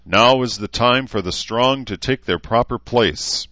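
Cold bossy warlord guy, a male narrator putting him on, calm and persuasive, kinda muffled audio. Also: medium pitch, a little slow, no echo, pitched above the performer's own voice. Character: menacing male warlord, self-assured and cold. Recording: slightly muffled dry audio.

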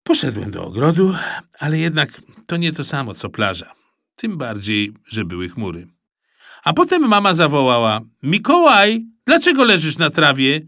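A man narrating a children's storybook aloud in a lively, expressive manner, recorded close on a studio mic. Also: mid-range voice, moderate pace, gravelly, no room sound. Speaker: audiobook narrator.

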